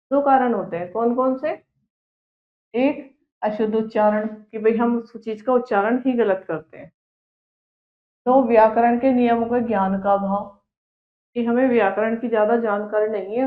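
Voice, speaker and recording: A woman teaching a grammar lesson to young pupils, speaking slowly, repeating each word and answering her own questions. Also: a little high, fairly even intonation. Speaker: Hindi teacher. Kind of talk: classroom lesson for children. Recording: echoey room, tinny phone-like sound.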